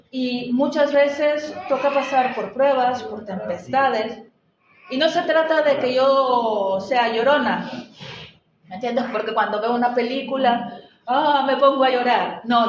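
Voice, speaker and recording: A woman with a slightly high voice preaches a church sermon in an earnest, conversational way. She often restarts her phrases and talks directly to the congregation. The recording is roomy and somewhat dull, with faint noise underneath. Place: church hall.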